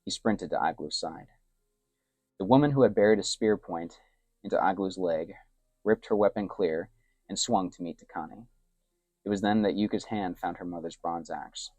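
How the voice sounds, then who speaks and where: Deep-voiced man narrating in a hush. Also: normal speed, dry recording, faint music behind. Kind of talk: soft-spoken story narration.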